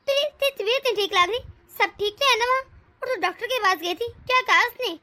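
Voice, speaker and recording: A woman's voice: extremely high pitch, quick pace, sharp tone, slight background noise. A woman voicing a caring mother who reassures her daughter in a cartoon story. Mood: soothing. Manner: soothing, reassuring. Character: caring mother of the young wife. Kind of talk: cartoon voice acting.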